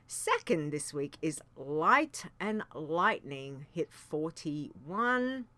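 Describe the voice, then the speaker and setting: A woman's voice: deep voice, sing-song, extremely slow, bright, forceful tone, no echo. A woman hosting a podcast in a casual, chatty way, repeating phrases for emphasis. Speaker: podcast host. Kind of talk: casual chat, announcing weekly team results.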